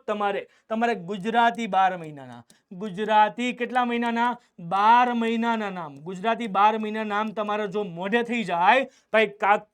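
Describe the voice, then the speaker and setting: A man's voice: sits high, clean tone. A young man with a Gujarati accent teaching an online class, asking questions and answering them himself. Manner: asks questions and answers them himself, calls viewers beta.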